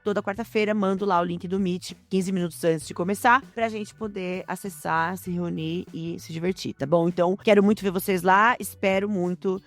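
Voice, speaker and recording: A woman with a Brazilian accent hosting a podcast in casual, slangy, chatty talk, her voice hoarse and stuffed up with a cold. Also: fairly low pitch, steady tone, normal speed, hardly any pauses, faint music behind. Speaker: podcast host.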